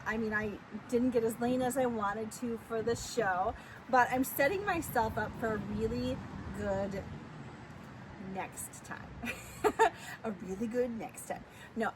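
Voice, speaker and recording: A woman's voice: on the high side, noisy background. A woman talking candidly and chattily in a casual vlog, giving herself encouragement like a pep talk. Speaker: vlogger, amateur physique competitor.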